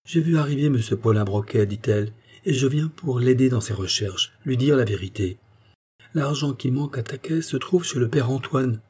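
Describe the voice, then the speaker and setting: A man's voice: medium pitch, lively intonation, moderate pace, breathy edge, voice pushed up. A man reading the part of a cheerful, eager young woman in an audiobook. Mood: lively. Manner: bright and eager.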